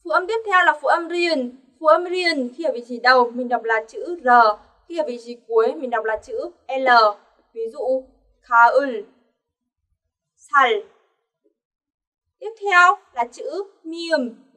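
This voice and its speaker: Woman teacher, high and bright, patient online lesson, voice slightly off-mic. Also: a little slow, recorded from a distance. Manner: clear, patient explaining with rhetorical questions to learners. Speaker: Korean language teacher.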